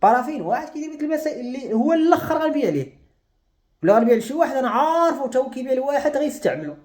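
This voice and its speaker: A man's voice: very high voice, very animated, very fast, darkish tone. A young man with a Moroccan Arabic accent, speaking to camera in an agitated, despairing rant. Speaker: vlogger. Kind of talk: emotional monologue to camera.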